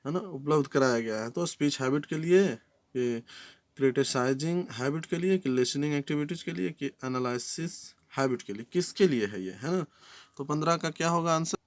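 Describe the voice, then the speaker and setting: A man's voice: on the high side, normal speed, no echo. Man walking through exam questions. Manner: explains in Hindi, reads questions in English, keeps adding "है ना". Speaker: exam tutor.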